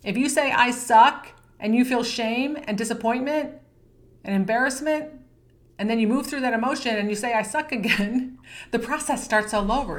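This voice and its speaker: A woman teaching a golf mental-game course lesson, speaking in a calm, direct coaching manner. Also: on the high side.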